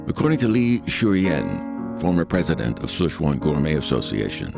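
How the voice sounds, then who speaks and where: A man's voice: very deep voice, sing-song, normal speed, creaky. A man reading scripted documentary narration as the narrator of a program. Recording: background music under narration. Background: music.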